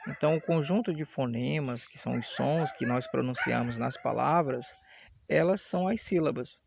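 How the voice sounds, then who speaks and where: A man teaches a recorded grammar lesson in a gravelly voice of ordinary pitch. He explains each point methodically, stretching words out syllable by syllable so pupils can follow. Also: noisy background. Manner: explanatory, slows down to spell out syllables. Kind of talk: online Portuguese grammar lesson. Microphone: camera mic, camera switched off.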